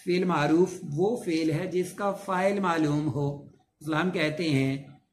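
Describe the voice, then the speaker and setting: A man with a Pakistani Urdu accent gives a grammar lesson in a fairly high voice, patiently stacking up example after example. He is recorded in an echoey room with a faint hum of ambient noise behind him. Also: steady tone. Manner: explains slowly with many repeated examples.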